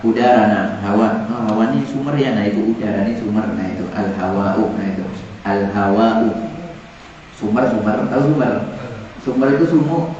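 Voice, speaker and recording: Joking Arabic teacher in echoey hall. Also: male voice, fairly low pitch, a little fast, darkish tone, slight background noise. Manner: repeats words, jokes and chuckles with students. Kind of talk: classroom lesson. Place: large echoey classroom. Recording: echoey, distant, dull room recording with students. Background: class of students.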